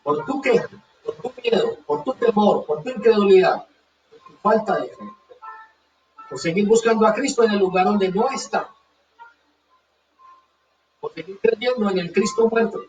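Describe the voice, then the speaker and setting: A man's voice: sits high, measured pace, long pauses, a little mellow, recorded from a distance, faint music behind. A man preaching a sermon with fervor, hammering his points by repeating them. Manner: fervent, repeats phrases for emphasis. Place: church hall. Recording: dull echoey church sound from afar.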